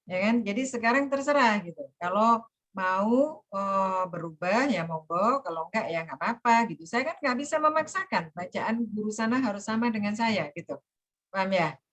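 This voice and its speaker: A woman's voice: medium pitch, expressive, moderate pace, a bit bright. Woman lecturer patiently explaining recitation. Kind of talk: online class lecture.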